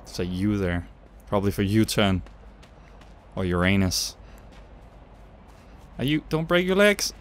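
His voice sits on the low side but is very animated, moving at a measured pace with long pauses. The young Danish gaming YouTuber, speaking with a Danish accent, gives let's play commentary from his indoor home setup, full of self-mocking jokes. Slight hiss or hum is present.

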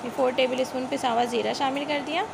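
Speaking quickly with vocal fry, a Pakistani woman hosts a home cooking channel, guiding viewers homely and chattily through each recipe step and frequently saying "see". Her high voice has fairly even intonation, recorded noisily by a phone or camera looking down at her kitchen countertop.

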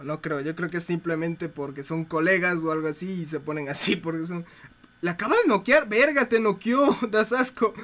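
A man giving casual gameplay commentary, excitable, laughing often and shrieking when hit. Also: high voice. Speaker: gaming commentator.

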